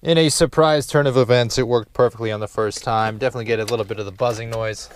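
This vlogger speaks quickly in a steady, mid-range voice as he works on installing something in a car parked in a driveway. His casual, hands-on narration leans on dry sarcasm and the occasional expletive. Some faint background noise can be heard.

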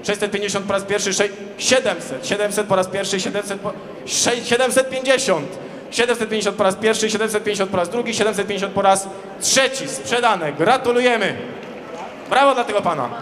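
A man's voice: sits high, brisk, a bit bright. A man working as an auctioneer, calling bids in a repetitive chant over a hall PA. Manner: auctioneer's chant, repeated bid calls. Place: large indoor sports hall, on stage. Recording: echoey hall PA with crowd noise.

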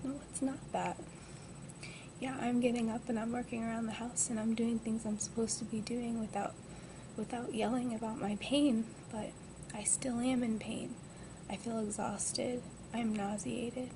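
A young woman of twenty speaks in a groggy, subdued way, slightly high-pitched with a creaky edge. Her delivery stays flat, like someone chatting casually to a vlog camera from bed. The amateur webcam audio has clear noise. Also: moderate pace. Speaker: vlogger. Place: lying in a hospital bed indoors. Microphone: built-in device mic at close range.

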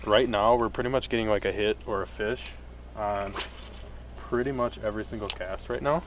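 Out on a lake in a small boat, a young man narrates his fishing in an upbeat, casual vlog shot on a handheld camera. His voice is fairly low and steady at a moderate pace, with slight background noise.

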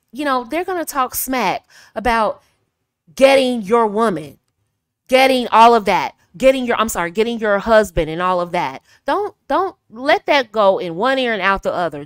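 A woman from the United States giving casual, direct advice to women, often calling them ladies and swinging her pitch to demonstrate. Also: no room sound. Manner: chatty, direct, frequently addresses listeners as ladies. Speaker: femininity coach.

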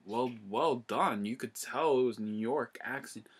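A man's voice: medium pitch, a little slow, breathy edge. A young man giving a casual, enthusiastic video review, rambling with restarts and the odd swear word. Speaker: movie reviewer.

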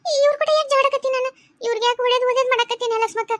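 A very high, quick-talking young village wife in a cartoon, voiced by a woman with a North Karnataka Kannada accent. She keeps asking plaintive, bewildered questions about what is happening to her. The recording is close and dry. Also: fairly even intonation, a bit bright, no room sound. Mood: confused. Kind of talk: cartoon voice acting.

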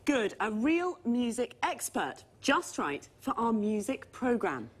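A woman playing a lively, bright-voiced presenter. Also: a little high, slow pace, full character voice. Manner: clear, expressive. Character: nervous new female TV presenter Lucy. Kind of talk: scripted beginner English lesson dialogue. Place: TV studio.

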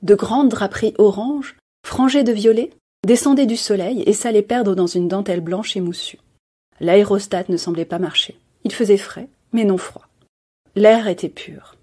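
Husky woman reading a story aloud. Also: mid-range voice. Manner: expressive, with dramatic pauses. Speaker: reader. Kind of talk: literary audiobook reading.

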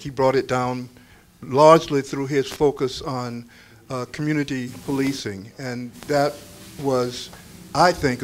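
An older man, a book author on a panel, answers audience questions with deliberate, self-correcting speech and frequent fillers into a handheld mic in a crowded room. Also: medium pitch, slight background noise. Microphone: handheld microphone.

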